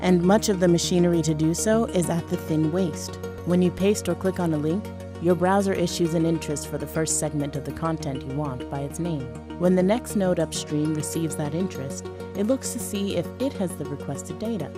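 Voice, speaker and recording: A woman reading a scripted explainer as narrator, measured and precise. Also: fairly low pitch. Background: background music.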